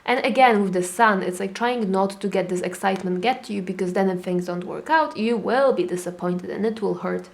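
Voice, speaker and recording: Young woman doing a chatty tarot reading, lively, talks like she's just hanging out. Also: medium pitch, a little fast, creaky, hardly any pauses. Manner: chatty, animated, acts out inner voices. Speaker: tarot reader. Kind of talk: casual tarot reading to camera.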